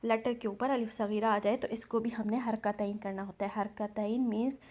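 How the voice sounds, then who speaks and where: A woman's voice: fairly high pitch, steady tone, a little mellow. Patient woman teaching Quran recitation rules. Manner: patient, explains each rule and repeats the drawn-out chanted example words. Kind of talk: step-by-step recitation lesson.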